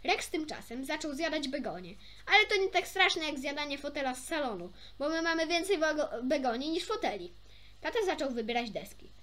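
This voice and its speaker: Fairly quick and a bit bright, a young amateur reader brings expression to a children's story in her high-pitched voice. She keeps things informal, tripping up on words, correcting herself and chatting in between.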